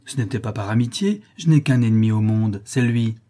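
A male reader voices a melodramatic old porter, grandly dignified and quick to be scandalized, delivering formal, exclamatory storybook lines in a husky, mellow tone. The voice sits lowish and moves fairly quickly, with only light acting. He sounds brooding and baffled.

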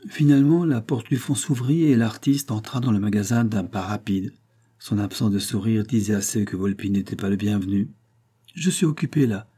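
A man narrating a crime novel as an audiobook, with steady storytelling. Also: lowish voice, normal speed, breathy edge.

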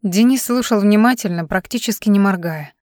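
A woman reading an audiobook novel in calm, steady narration. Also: medium pitch, normal speed, no echo, studio quality. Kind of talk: scripted narration.

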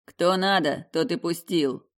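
Contemptuous young necromancer, male, slow drawl, read by a woman. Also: lowish voice, lightly acted. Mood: sneering.

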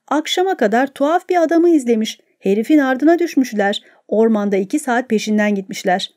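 A woman doing a boastful, chatty middle-aged man. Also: very high-pitched. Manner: boastful, rambling, lively.

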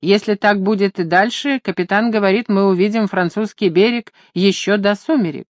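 A narrator voicing an eager gentleman giving brisk news aboard a ship. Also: mid-range voice, dry recording, natural voice. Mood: upbeat.

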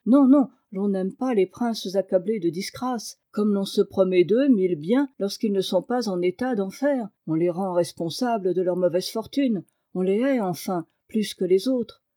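A woman voicing a gentle cursed prince who lives as a wild boar, in an earnest, pleading manner. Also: medium pitch, normal speed, few pauses, natural voice. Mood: bitter. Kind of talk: read-aloud fairy tale.

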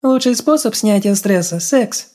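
A man's voice: high-pitched, lively intonation, normal speed, a little mellow, voice pushed up. A male audiobook reader voicing a blunt, outspoken woman fighter who barges into conversations. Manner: blurts in bluntly. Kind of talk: audiobook character voice.

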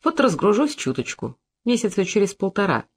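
Reader doing a gruff, sulky film boss. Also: medium pitch, very animated, a little fast. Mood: offhand. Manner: gruff, aggrieved, stiffly dignified. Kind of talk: audiobook character voice.

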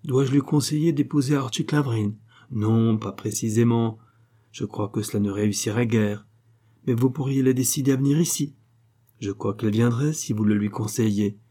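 A man's voice: medium pitch, moderate pace, mellow, natural voice. A man reading as an urgent, pleading noblewoman. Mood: persuasive. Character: anxious scheming noblewoman, pleading, gossipy.

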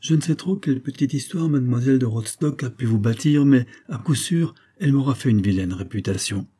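A man's voice: mid-range voice, lively intonation, fairly quick, warm tone, breathy edge, pitched above the performer's own voice. A man reading the part of a jovial, mocking Hungarian colonel who teases his rival, his voice raised and livelier than his narration. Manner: cheerful, taunting.

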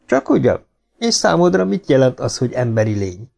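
A man reading an audiobook who voices a skeptical human starship captain asking quick, probing questions. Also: medium pitch, big pitch swings, gravelly, a little mellow, full character voice.

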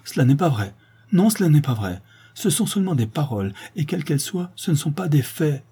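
A man's voice: medium pitch, lively intonation, normal speed, dark tone, slightly rough. A man reading an audiobook, voicing a proud, desperate noblewoman who pleads with her son in an impassioned, declamatory way. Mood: pleading.

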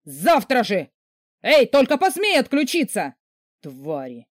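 A woman voicing a hulking, short-tempered rich man who yells, snarls and mocks. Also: low-pitched, a little fast, no room sound, clean studio sound, close to an everyday voice. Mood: raging. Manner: yelling, sarcastic, snarling. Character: furious rich man, a hulking grumpy boss.

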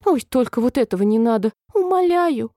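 Storybook queen, old and fretful, very high wailing voice, voiced by a woman narrator; dry, mellow read. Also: normal speed, dry recording. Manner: wailing, squealing cries, then oddly calm.

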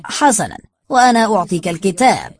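A reader voicing a sly, greedy man who taunts and talks down to others, in a raised, louder voice. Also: mid-range voice, huge pitch swings, a little fast. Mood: scornful. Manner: taunting, smug and condescending.

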